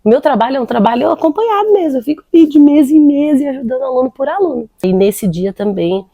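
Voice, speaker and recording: A woman's voice: high voice, animated, fast talker, dry recording, phone-quality sound. A Brazilian woman, a literacy teacher, earnestly telling a personal faith story in a casual, reflective way. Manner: earnest, reflective, with acted quotes of prayer and dialogue.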